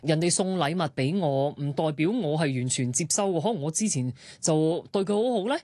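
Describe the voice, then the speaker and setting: Woman, deep register, Hong Kong Cantonese accent, casual panel chat, dry close sound. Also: a little mellow, dry recording. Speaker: talk show panellist. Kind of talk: casual discussion.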